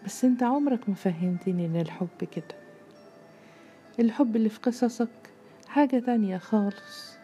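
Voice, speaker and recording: A woman's voice: on the high side, brisk, pauses often, warm tone, soft background music, pitched above the performer's own voice, lightly acted. A woman with an Egyptian accent voicing an earnest seventeen-year-old girl who pleads and reproaches in a storybook reading. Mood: hurt. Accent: Egyptian Arabic.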